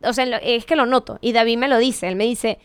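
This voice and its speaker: A woman's voice: fairly high pitch, fairly even intonation, fast, smooth, dry recording, studio quality. A woman giving a conversational motivational talk, asking rhetorical questions and correcting herself as she goes. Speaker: motivational speaker.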